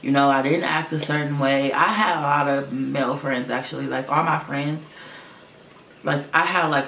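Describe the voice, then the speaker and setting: A young vlogger's creaky, fairly bright voice carries a rambling storytime monologue to camera, loaded with fillers and swearing. He remarks that his voice is low for a boy and sounds like a girl's. The home room is echoey, with a fish tank filter humming faintly.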